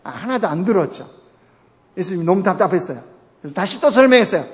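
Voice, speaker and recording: A man with a fairly high voice preaches a sermon from the pulpit. He keeps asking the congregation questions and answering them himself. His voice rings with a long reverb through the church sanctuary. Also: sing-song, fast talker. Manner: asks the congregation rhetorical questions. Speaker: pastor.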